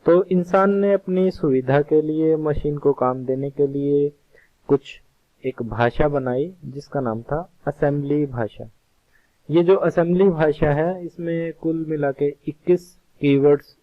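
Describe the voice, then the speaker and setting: A male teacher explaining a computer science lesson slowly and patiently, often rephrasing the same point. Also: medium pitch. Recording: tinny phone-like audio.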